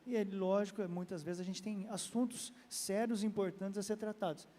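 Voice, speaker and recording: A man's voice: high-pitched, fairly even intonation, normal speed, mellow, big-room sound. A man with a Brazilian Portuguese accent, hosting a church program, relaying viewer questions hesitantly with many fillers. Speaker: program host.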